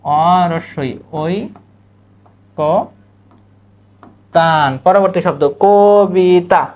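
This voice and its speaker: A recorded exam-prep lesson features a male teacher whose voice sits high with a darkish tone and a Bangladeshi Bengali accent. Drilling pronunciation, he asks, repeats what was answered, and draws model words out syllable by syllable.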